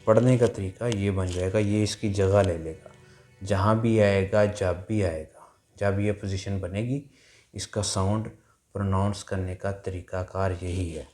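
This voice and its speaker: A man teaching a language lesson, explaining pronunciation rules patiently, repeating each point and sounding out syllables slowly. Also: lowish voice, warm tone.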